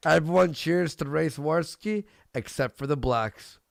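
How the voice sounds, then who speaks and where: A man's voice: on the high side, measured pace, gravelly, dry recording, clean studio sound. A man hosting a live stream, laughing often and reading out viewer donations in crude banter.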